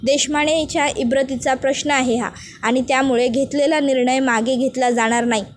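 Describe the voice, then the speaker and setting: A woman's voice: sits high, fairly even intonation, moderate pace, natural voice. A woman voicing a stern middle-aged father who scolds and commands his daughter. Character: stern middle-aged father, strict about family honour.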